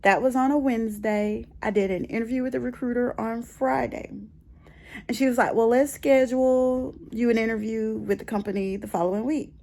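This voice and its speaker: This middle-aged American vlogger talks informally from her bedroom, relating her story with expression and driving points home by repeating phrases. Her voice is a little high, gravelly, and somewhat mellow.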